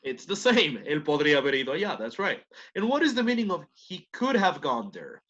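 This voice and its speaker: Over dull, lo-fi online class audio, a man with a fairly high, fairly bright voice explains a point step by step at a moderate pace. He is very animated and keeps checking in with his students through questions.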